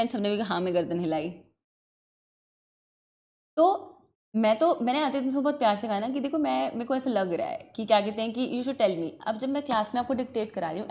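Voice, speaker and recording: A woman law teacher, talking earnestly to her class and mixing Hindi with English, stern but caring. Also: on the high side. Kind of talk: classroom talk to students.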